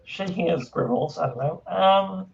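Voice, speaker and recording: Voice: medium pitch, unhurried, vocal fry, far from the mic. A game master improvising tabletop game narration in a playful, digressive, casual way. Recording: dull webcam audio with some noise.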